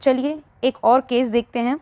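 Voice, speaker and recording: Slow, patient female grammar teacher. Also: high-pitched, steady tone, darkish tone, no echo. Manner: patient, explains step by step, mixes Hindi and English. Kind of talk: slow spoken grammar lesson.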